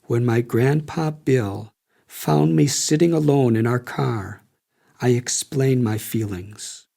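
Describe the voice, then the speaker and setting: A man reading a memoir aloud as an audiobook narrator, measured and reflective. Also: medium pitch, gravelly. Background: soft guitar music.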